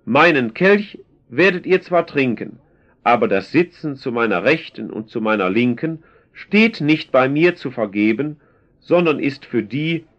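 A man voicing a calm, authoritative male teacher in a solemn, measured scripture reading. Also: mid-range voice. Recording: dull lo-fi recording.

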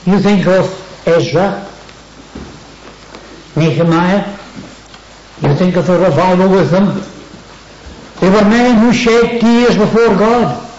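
A man preaches a sermon in a fairly high voice, repeating key words for emphasis. The recording sounds roomy and echoey, with a dull, lo-fi tone and a faint hiss underneath. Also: takes it slowly, long pauses, a little mellow. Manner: dwells on words with emphatic repetition.

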